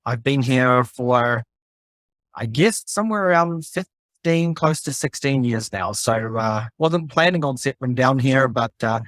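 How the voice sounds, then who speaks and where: A middle-aged podcast guest from New Zealand talks through his story in a measured, methodical way. His voice sits at an ordinary pitch. The sound is dry and close, with no room around it. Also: animated, a bit bright, no room sound. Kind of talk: casual chat.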